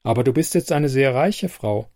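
A man voicing a cool female android bodyguard in an audiobook, speaking calmly and firmly. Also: medium pitch, moderate pace, dry recording, studio quality, natural voice. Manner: calm, firm, matter-of-fact.

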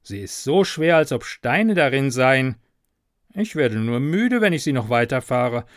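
A man voicing a clever, scheming young peasant who talks in a coaxing, lively, raised voice, recorded dry and close. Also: high voice, a little slow, creaky, no room sound, voice pushed up, exaggerated voice. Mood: mock-grumbling.

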